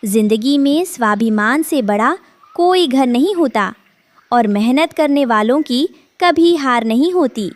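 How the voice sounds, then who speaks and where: A woman narrating a scripted moral story for children in a gentle, instructive way. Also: high voice, lively intonation, measured pace. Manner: gentle, didactic.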